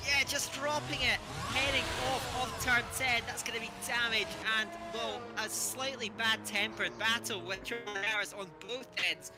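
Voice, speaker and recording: Man, motorsport commentator, high voice, exclamatory live race calling, loud music and engines behind. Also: steady tone, moderate pace, hardly any pauses. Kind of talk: live esports racing commentary.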